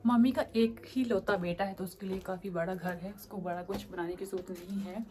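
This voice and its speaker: A woman's voice: mid-range voice, steady tone, fairly quick, mellow. Chatty woman vlogger on a home tour. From Himachal Pradesh, India. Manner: chatty, walking and showing rooms. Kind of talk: casual home tour vlog. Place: house and rooftop in a hill village.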